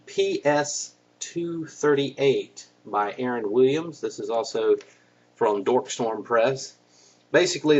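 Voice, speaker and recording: A man giving a casual show-and-tell review of comic books in a relaxed way, stopping often with "uh" and "um". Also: medium pitch, breathy edge, muffled recording. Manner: relaxed, stops often with fillers.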